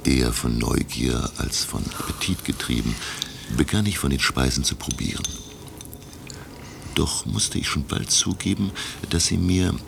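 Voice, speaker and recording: Professor for radio drama: extremely low, heavily creaky voice, grave, inquisitive, hushed and deliberate delivery. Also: male voice, background noise, full character voice. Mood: curious, reflective. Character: grave, inquisitive male professor, narrating his sea adventure. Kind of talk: German radio drama narration and dialogue. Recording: music behind the voice.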